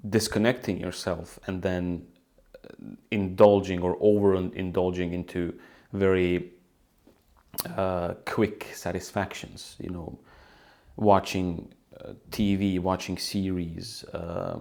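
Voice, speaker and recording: A young man from Bosnia speaking reflectively to the camera at home, pausing often with fillers and restarts as he works through his thoughts. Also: sits low, a little mellow. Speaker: author and video host. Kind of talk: reflective solo talk to camera. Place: room at home by a sunny window.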